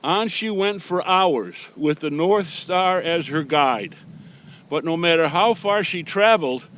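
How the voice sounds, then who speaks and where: A man playing a kindly Santa, fairly high-voiced. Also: measured pace, a bit bright. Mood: storytelling. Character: Santa Claus, kindly old man reading a storybook. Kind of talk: read-aloud storytelling for young children. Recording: background noise.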